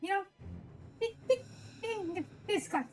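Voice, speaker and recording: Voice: very high-pitched, takes it slowly, a little mellow. A streamer heard through a voice changer, chatting casually and giggling while greeting viewers by name. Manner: giggly, greets chat by name, frequent laughs. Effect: voice changer, acting oddly today. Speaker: streamer playing and reacting. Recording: faint game music behind.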